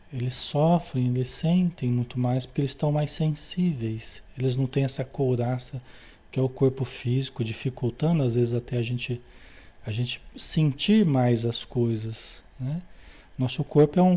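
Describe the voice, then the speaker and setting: A man's voice: medium pitch, warm tone. A man with a Brazilian accent leading a study group, reading aloud from a spiritual book and explaining it, checking with listeners after nearly every phrase. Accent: Brazilian Portuguese.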